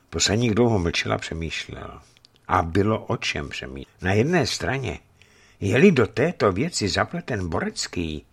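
Male audiobook narrator, low voice, lively dramatic reading. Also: husky. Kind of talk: scripted narration of a novel.

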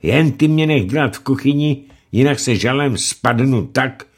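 Storybook role: man doing an indignant fat cook, high and bouncy, grumbling. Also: sing-song. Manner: fussy, indignant, pitch jumps high. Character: fat fussy male ship's cook, grumbling, tender-hearted. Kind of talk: audiobook character reading.

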